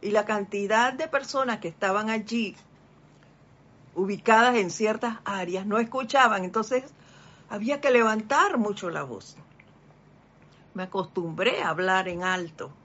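Older spiritual teacher, unhurried, bright tense voice, muffled lo-fi recording. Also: medium pitch. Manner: slow, deliberate, stretches key words. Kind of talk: spiritual lesson, reading a text aloud and commenting. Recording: dull lo-fi recording.

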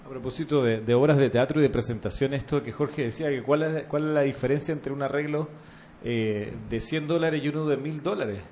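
A man's voice: mid-range voice, brisk, darkish tone. A man in a casual conversation, telling a short story and reflecting on it. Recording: slightly dull audio with faint noise.

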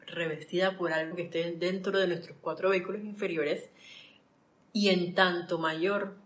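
A woman leads a live-streamed spiritual class in a slightly low voice. She talks in a chatty, digressive way, greeting viewers and telling everyday stories. The audio is dull and lo-fi. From Panama. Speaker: spiritual study group leader.

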